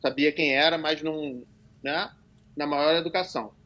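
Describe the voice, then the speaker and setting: A man's voice: a little high, fairly even intonation, normal speed, bright, forceful tone. A middle-aged man guest on a podcast, telling loose, profane anecdotes in casual chat.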